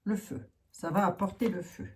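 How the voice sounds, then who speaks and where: A woman's voice: medium pitch, normal speed, a little hiss or hum. A woman with a Lorraine French accent, reading cards and chatting frankly while thinking aloud with many fillers. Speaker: card reader. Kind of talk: casual card reading monologue.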